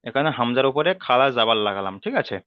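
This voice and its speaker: A man teaching an online class, patiently repeating rules and drilling letter sounds slowly. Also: mid-range voice, lively intonation, clean tone, no echo, highs cut off. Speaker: Quran reading teacher.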